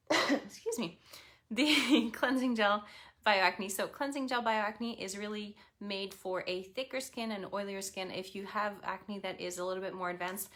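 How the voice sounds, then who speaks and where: A woman's voice: medium pitch, a bit bright. A woman presenting skincare products in a tutorial, speaking directly to the viewer in an instructive, friendly way.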